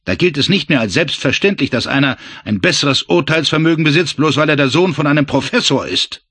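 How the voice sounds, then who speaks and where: A man voicing a blustering, resentful male Nazi officer who talks loudly and sneers. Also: mid-range voice, big pitch swings, normal speed, slightly rough, no echo, pitched above the performer's own voice. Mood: sneering. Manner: loud, sneering, indignant.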